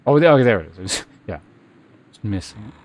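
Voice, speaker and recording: A game streamer with a lowish voice gives casual, rambling commentary while he plays. He sounds animated and brisk, thinking aloud as the game goes on.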